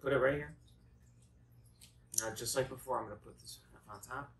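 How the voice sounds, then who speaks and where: A middle-aged man delivers card magician patter in a chatty, rambling way, slipping in tongue-in-cheek asides. His medium-pitched voice is bright and forward, though it is picked up at some distance from the microphone. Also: brisk, creaky. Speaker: magician co-host of a magic show. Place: small dark room, indoors. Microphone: phone camera set back from the table.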